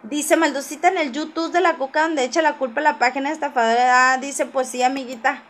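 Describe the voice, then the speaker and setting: A woman's voice: high-pitched, steady tone, fairly quick, a bit bright. A woman hosting a casual gossip livestream, reading viewer comments aloud and answering them with teasing asides and frequent laughs.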